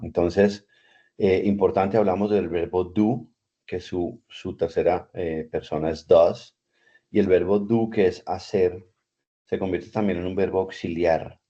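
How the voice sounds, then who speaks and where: A man's voice: low voice, fairly even intonation, a little slow, warm tone, husky. A man teaching an English class in over a video call, patiently repeating and spelling out words. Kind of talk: online class lecture. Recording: dull lo-fi video call audio.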